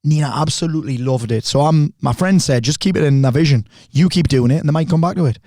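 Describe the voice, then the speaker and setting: Fast-talking, animated man, close and dry. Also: a little high, dry recording. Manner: animated storyteller, swears freely. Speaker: podcast guest. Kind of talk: casual conversation.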